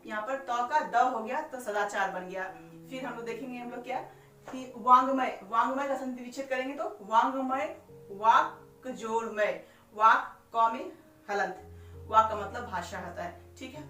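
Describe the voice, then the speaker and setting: A woman's voice: fairly high pitch, a bit bright. A woman teaching a grammar lesson step by step, asking herself questions and stretching out sounds as she spells them. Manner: repeats each step with rhetorical questions. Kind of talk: classroom-style explanation. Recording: echoey room, far from mic, faint music.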